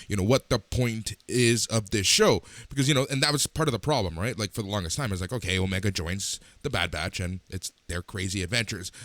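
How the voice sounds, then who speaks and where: A man with a lowish voice talks things through in a measured, agreeable way, leaning on fillers. His voice is recorded dry and close, with no room sound. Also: a bit bright, no room sound. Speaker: podcast co-host. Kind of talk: casual chat.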